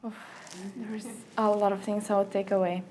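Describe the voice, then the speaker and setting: A young woman from Slovenia, speaking English as a second language, chatting as an interview guest and acting out little quoted exchanges with lively energy, recorded in a small office room. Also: a little fast, slight background noise. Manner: lively storyteller, acts out quotes in a higher voice. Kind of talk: casual interview chat.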